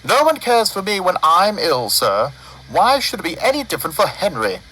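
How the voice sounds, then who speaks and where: A man voicing a loud, pompous, blustering male steam engine in a storybook reading, pitched above his own voice. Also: huge pitch swings, moderate pace, slightly rough, heavily acted, low-quality recording. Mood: indignant.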